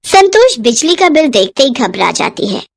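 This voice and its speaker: A woman's voice: high voice, very animated, normal speed, creaky. Woman narrating a cartoon story.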